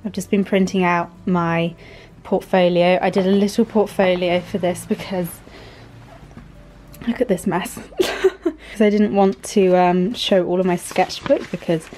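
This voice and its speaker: A young woman in her twenties, a fashion student chatting casually to camera in her bedroom, upbeat and quick to laugh. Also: on the low side, steady tone, darkish tone. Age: 20s. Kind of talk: casual vlog chat to camera.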